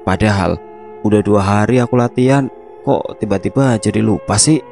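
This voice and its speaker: A man's voice: fairly low pitch, normal speed, darkish tone, soft background music, natural voice. A man voicing a shy, clumsy young man in love who stammers but turns cheeky. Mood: flustered.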